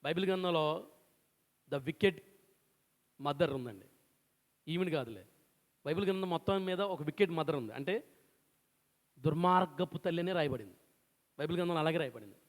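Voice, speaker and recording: A man delivers a sermon with a high, lifted voice. He retells an old scripture story and acts out its voices, pressing the listeners with question after question. His words ring out in a church hall with a long reverb. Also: animated, normal speed, pauses often. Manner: retells scripture with acted quotes and rhetorical questions. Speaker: pastor.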